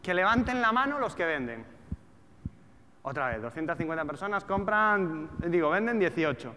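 He is in his thirties, talks with a European Spanish accent, and works as a trader and trading educator. Before a live audience in a large auditorium, his slightly high, sharp voice is animated at a moderate pace, and his colloquial, informal talk is full of rhetorical questions. The recording is echoey with background noise.

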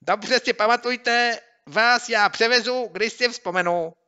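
A man voicing a mischievous schoolboy rival who shouts slow, drawn-out taunts in an audiobook. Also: very high-pitched, clear, resonant tone, lo-fi sound, voice pushed up, heavily acted. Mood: taunting. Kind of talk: audiobook character voice.

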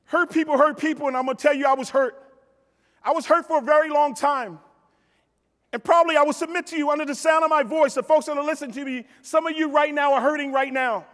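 On stage in a big convention hall, a middle-aged American man gives a motivational keynote, telling stories with emphasis, repeating phrases and addressing listeners directly. His voice is very high and a bit bright, fairly even in intonation, and he talks fast. The PA sound echoes through the large hall.

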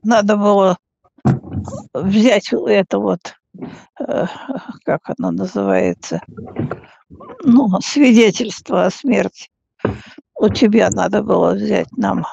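Frail old great grandma in her 80s, super gravelly, halting and repeating herself, muffled phone call. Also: medium pitch, a little mellow, dry recording. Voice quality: frail, elderly voice. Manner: halting, repeats words and stammers. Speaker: great-grandmother talking with younger relative. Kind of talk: casual phone chat.

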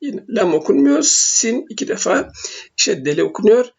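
A man teaching basic Arabic letters in a recorded lesson, speaking slowly and haltingly with frequent filler sounds. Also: sits high, very animated, vocal fry, a little mellow, breathy edge. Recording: dull lo-fi recording.

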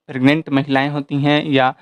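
A man giving an explanatory voice-over as host of an informational channel, listing points one after another at a steady pace. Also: mid-range voice, fairly quick, smooth, no echo, muffled recording.

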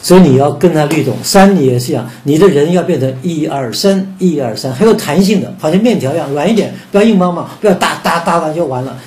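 An older man gives a rhythm lesson in a fairly high voice. He explains downbeats and upbeats, then sings out counting syllables to show each pattern. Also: darkish tone. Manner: demonstrates beats by singing syllables and counting aloud. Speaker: music teacher.

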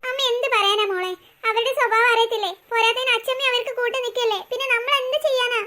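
A woman voicing a gentle, patient young mother in a cartoon story, soothing and coaxing her children. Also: very high voice, steady tone, fast talker. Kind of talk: cartoon voice acting.

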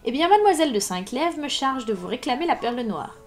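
A woman's voice: high-pitched, very animated, quick pace, voice pushed up. A woman reading aloud plays a cold, relentless male ex-police inspector who speaks dryly and with hard precision, over faint music. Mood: pressing. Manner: dry, hard, precise, menacing. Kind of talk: live audiobook reading.

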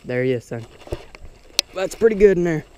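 A young man talking casually and excitedly while fishing outdoors at a pond, often exclaiming. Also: a little high, normal speed, a little hiss or hum. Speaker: fishing vlogger. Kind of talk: casual outdoor vlog commentary.

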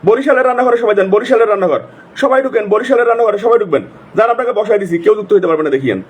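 A man with a strikingly high voice hosts a live stream, firing off viewers' names one after another at a breakneck pace. His throat is sore from the nonstop calling, and he repeats each plea again and again with urgency. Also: rapid-fire, husky. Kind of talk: live stream shout-outs.

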